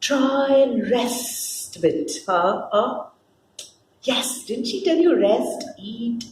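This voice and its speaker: In a dramatic stage-play reading, a woman with a fairly high, expressive, slightly mellow voice plays a scheming, jealous serpent, a theatrical, mocking fallen angel. She sounds coaxing and sneering, melodramatically repeating words and drawing out phrases, in a roomy echo with clear background noise.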